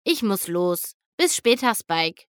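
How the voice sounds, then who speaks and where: Storybook role: a bouncy, bubbly young female pony, put on by a woman reader, lively pitch. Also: takes it slowly, clean tone, no echo, clean studio sound. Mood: forced cheer.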